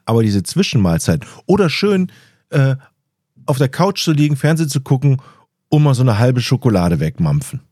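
A man's voice: mid-range voice, very animated, moderate pace, darkish tone, dry recording. A man co-hosting a podcast in casual chat, hesitant and full of restarts, with dry humor. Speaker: podcast co-host.

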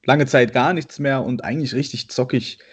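A man's voice: medium pitch, normal speed, slightly rough. A man of thirty who co-hosts a casual podcast chat, hesitant and self-deprecating. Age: 30s. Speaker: podcast co-host.

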